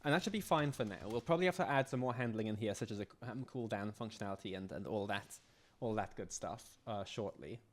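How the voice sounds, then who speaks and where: Hoarse man muttering through code. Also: lowish voice, lively intonation. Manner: halting, restarting, muttering to himself. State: slightly hoarse, losing his voice. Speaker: game modder live streaming. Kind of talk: thinking aloud while scripting on a live stream.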